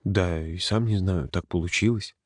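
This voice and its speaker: A man voicing a drowsy teenage boy at summer camp who speaks in a low, slow mumble. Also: husky, no room sound, clean studio sound. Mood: sleepy.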